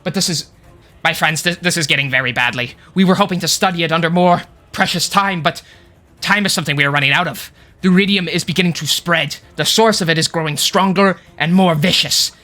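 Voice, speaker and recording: A man voicing an elderly, overstressed male goblin scholar in a tabletop game, speaking gravely and formally. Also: a little high, a little fast, sharp tone. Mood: worried.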